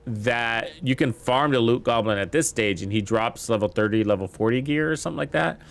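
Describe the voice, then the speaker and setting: A man's voice: medium pitch, brisk, creaky. A man giving casual, chatty commentary while playing a shooter game and talking to his viewers. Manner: chatty, upbeat, talks to viewers. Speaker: gameplay streamer.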